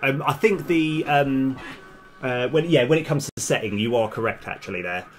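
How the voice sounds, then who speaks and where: A man with a mid-range voice talks at normal speed while live-streaming his game development, chatting casually. He thinks aloud hesitantly and trails off, with music and keyboard typing in the background.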